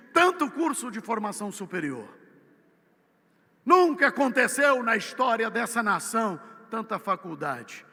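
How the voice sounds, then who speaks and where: A Brazilian man with a Brazilian Portuguese accent preaching a sermon, swinging from loud emphatic peaks to low, quiet asides. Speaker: missionary preacher. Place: church. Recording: church hall with long reverb.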